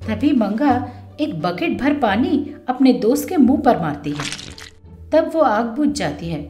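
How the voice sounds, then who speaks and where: A woman tells a cartoon story in a slow, high voice with dramatic storytelling. Her voice has a roomy echo, and faint music plays behind it. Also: very animated, dark tone. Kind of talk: scripted cartoon narration.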